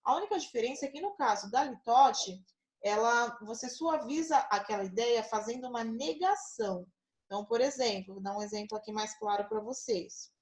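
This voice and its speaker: A woman's voice: on the high side, moderate pace, reverberant. A woman teacher patiently explaining figures of speech, often checking in with her listeners. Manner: patient, checks in with frequent tag questions. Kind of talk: explaining a grammar lesson.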